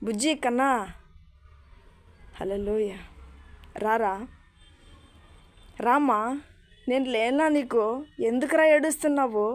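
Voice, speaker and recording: Woman speaking as God, a consoling father figure, high soft voice, gentle pleading questions. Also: slow pace, long pauses. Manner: soothing, pleading questions, calls listener "little darling". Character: God as a tender, comforting divine father.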